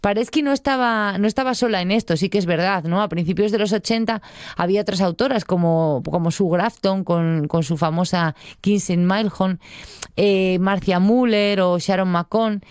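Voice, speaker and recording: A middle-aged woman with a Spanish accent contributes to a show's book segment, reviewing books in an informal, digressive, conversational way. Her mid-range voice is clear, resonant and slightly mellow at a moderate pace, in a dry recording.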